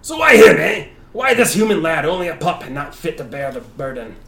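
A man's voice: fairly low pitch, expressive, normal speed, a little mellow, close to an everyday voice. A man voicing a grim, sardonic tiefling spirit with needling, theatrical phrasing for a tabletop game. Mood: challenging. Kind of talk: tabletop game character acting. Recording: roomy, distant mic with background noise.

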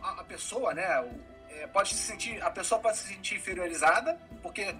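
Male host, bright voice, explaining calmly, faint music behind. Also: sits high, a little fast, low-quality recording. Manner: thoughtful, explanatory. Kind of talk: casual discussion.

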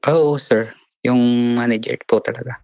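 A man's voice: medium pitch, fairly even intonation, measured pace, a little mellow, muffled recording, a little hiss or hum. A young man with a Filipino accent, answering interview questions politely, saying "sir" and ending thoughts with fillers. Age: young adult. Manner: polite and plain, says "sir" and "po", many fillers like "ganyan". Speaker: interview guest, massage therapist. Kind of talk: casual interview.

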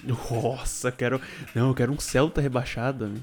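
A man's voice: mid-range voice, steady tone, normal speed. A teenage man co-hosting a podcast, speaking in a laid-back, teasing way with short replies. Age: teens. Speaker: podcast co-host. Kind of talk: casual chat.

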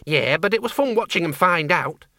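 A man voicing a sharp-tongued, thrifty old farm woman who talks bluntly and emphatically. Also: on the high side, animated, moderate pace, no room sound, clean studio sound, voice pushed up. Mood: scornful. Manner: tart, emphatic, rustic.

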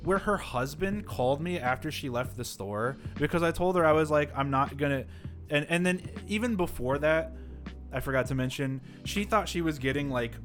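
Over soft background music, a man with a slightly high, somewhat bright voice talks at normal speed as a podcast co-host on a live-streamed setup. He rambles through a work story in casual chat, packed with "like" fillers and acted-out quotes.

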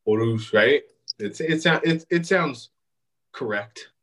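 A man's voice: medium pitch, expressive, slow, fairly bright tone, rough recording. A man hosting a casual chat over a video call, swearing freely and laughing often. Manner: profane, laughing, rambling.

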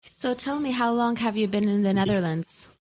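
A woman's voice: mid-range voice, normal speed, a little mellow. A woman hosting a podcast, talking in an earnest, encouraging interview manner. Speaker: podcast host. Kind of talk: warm interview conversation.

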